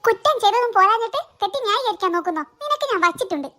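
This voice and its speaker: A woman voicing a shrill scolding cartoon mom. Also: very animated, racing, noisy background. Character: scolding strict cartoon mother.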